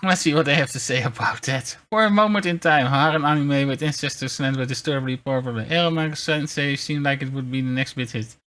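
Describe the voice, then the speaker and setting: Bright-voiced streamer, casual and rambling. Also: mid-range voice, fast, few pauses. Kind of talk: casual livestream chat, reading articles aloud. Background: background music.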